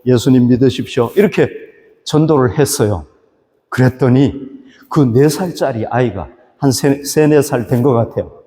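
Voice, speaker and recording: A man's voice: medium pitch, lively intonation, measured pace, mellow, big-room sound. A male pastor preaching a sermon, asking rhetorical questions and rising for emphasis. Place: church hall.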